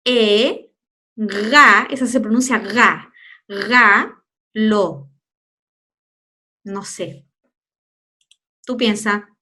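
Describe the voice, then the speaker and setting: A woman teacher with a Chilean Spanish accent, giving a children's phonics lesson with slow, drawn-out word demonstrations and playful asides. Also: fairly high pitch, sharp tone. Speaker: primary school teacher.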